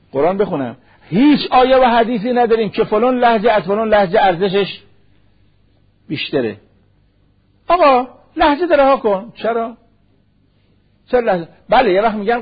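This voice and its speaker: A man with a husky voice pitched high preaches a sermon. He drops into a slow recitation for Arabic verses and fires off rhetorical questions. The sound is dull and lo-fi, like an old radio broadcast. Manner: rhetorical questions, acts out imagined speakers. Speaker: cleric. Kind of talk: sermon on marriage.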